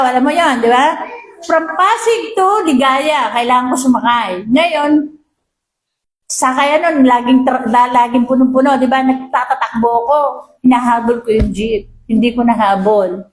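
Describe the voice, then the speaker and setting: A woman's voice: high voice, unhurried, roomy sound, poor audio. A Filipino woman pastor preaching a sermon, reading English lines and often asking her listeners questions.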